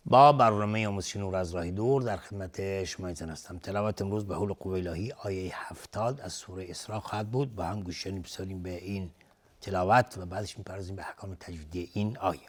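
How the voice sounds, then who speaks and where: A man teaching Quran recitation rules in Persian, chanting each verse slowly and then explaining the pronunciation rules quickly. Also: low-pitched. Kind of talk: Quranic recitation and tajweed lesson.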